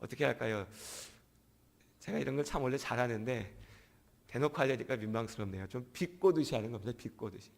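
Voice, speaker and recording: A man's voice: medium pitch, fairly quick, creaky. A male pastor preaching an evening sermon, retelling a story and acting out the quotes. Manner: animated storytelling with acted-out quotes.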